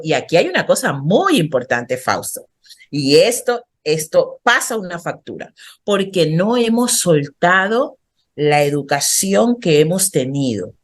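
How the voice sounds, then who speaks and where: A woman counselor, a guest on a radio talk show, explaining earnestly and instructively to the host, whom she often addresses by name. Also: medium pitch.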